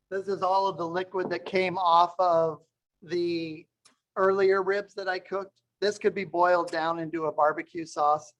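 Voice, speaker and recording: A man's voice: high voice, a bit bright. Man on a choppy call, volume dropping in and out. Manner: explains step by step while handling the food. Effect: audio cutting in and out, uneven volume over an unstable internet call. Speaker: cooking instructor. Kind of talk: live online cooking demonstration. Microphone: video call.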